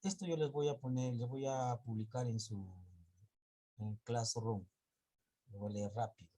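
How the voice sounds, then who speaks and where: Slow, husky-voiced male teacher. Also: mid-range voice, steady tone, mellow. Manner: slow, halting, corrects himself often. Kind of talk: online class lecture.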